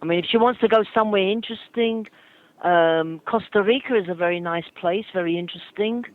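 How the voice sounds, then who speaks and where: A man's voice: high-pitched, fairly quick, dry recording. An older man working as a travel agent, talking over the phone in a hesitant, flustered way with many fillers. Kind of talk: phone call. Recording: muffled dry phone line.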